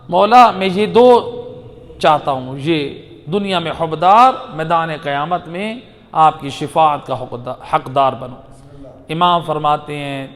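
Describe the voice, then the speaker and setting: A man preaching a majlis sermon, swinging from loud exhortation to soft chanted recitation. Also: sits high. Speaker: Shia preacher. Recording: long hall reverb.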